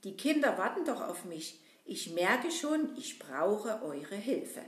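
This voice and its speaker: A woman voicing a gentle, anxious Easter bunny in a children's puppet show, soft and plaintive. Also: medium pitch, sing-song, slow. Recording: roomy echo.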